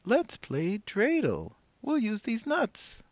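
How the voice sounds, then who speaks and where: A man voicing a kindly, fussing old grandmother in a bright, sing-song voice. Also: high voice, huge pitch swings, slow pace, dry recording, lo-fi sound, pitched above the performer's own voice, exaggerated voice. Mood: cheerful.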